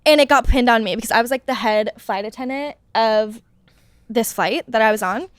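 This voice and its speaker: This young woman's voice is a little high and clean, at a normal speed with no room sound. She's a podcast guest chatting casually, saying "like" a lot and laughing often.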